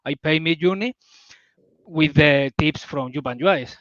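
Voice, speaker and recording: Eagerly searching for English words, a Spanish-accented guest from southern Spain, whose native language is Spanish, makes casual conversation on a community call. His voice is on the high side, a bit bright and a little slow, in a dry, lo-fi recording.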